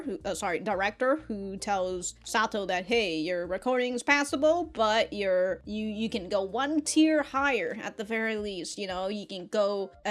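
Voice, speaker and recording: At a medium pitch, a woman laughs often as she reacts to an episode, her casual review peppered with slang, curses, and playful mock indignation.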